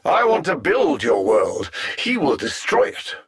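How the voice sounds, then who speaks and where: Here the alien machine villain of a video game, cold, condescending and set on conquest, is played by a male actor with a fairly high, gravelly, husky voice. The heavily acted delivery swings hugely in pitch, yet stays cold and calculating, menacing in a measured way with sardonic understatement.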